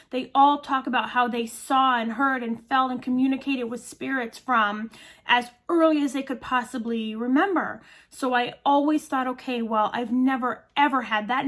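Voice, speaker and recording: Chatty high-voiced woman in her thirties. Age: 30s. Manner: chatty, earnest, addresses viewers directly. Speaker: medium and energy healer, channel host. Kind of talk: casual talk to camera.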